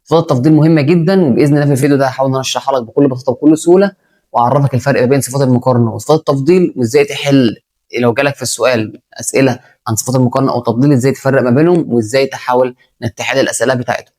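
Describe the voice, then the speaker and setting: A man's voice: medium pitch, steady tone, racing, a little mellow. A man with an Egyptian Arabic accent teaching an English grammar lesson, talking straight to the student and repeating key points.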